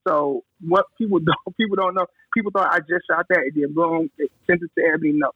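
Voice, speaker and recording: Husky man on a tinny phone line. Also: fairly high pitch, brisk, dry recording. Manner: animated, acts out quoted dialogue. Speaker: photographer, guest. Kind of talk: casual storytelling.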